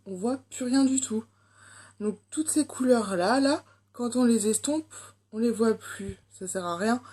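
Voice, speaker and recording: A woman's voice: medium pitch, a little mellow. A young woman with a French accent reviewing a makeup palette in a casual, hesitant way, full of fillers. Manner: chatty, hesitant, many fillers. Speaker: beauty vlogger.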